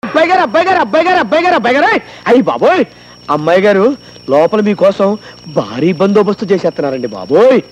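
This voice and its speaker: A man's voice: sits high, very animated, fairly quick, music in the background, rough recording. An actor playing a panicky male servant who calls out in alarm in a film comedy. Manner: alarmed, calling repeatedly.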